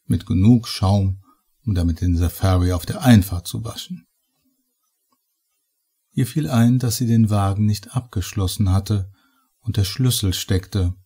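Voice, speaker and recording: A man narrates a horror story at a slow, measured pace. His voice is dark and low. A husky grain runs through the reading. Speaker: audiobook reader.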